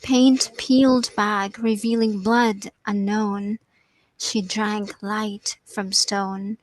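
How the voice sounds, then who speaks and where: Slow, expressive young woman reading poetry. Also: medium pitch. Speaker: poet and reader, voice dubbing artist. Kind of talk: poetry reading and casual chat.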